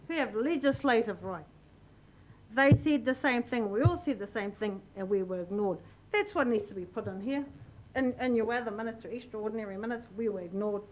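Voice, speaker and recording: A woman addressing a council meeting as a Māori representative, emotional and halting, repeating her phrases. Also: on the high side, a little hiss or hum, low-quality recording. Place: council chamber.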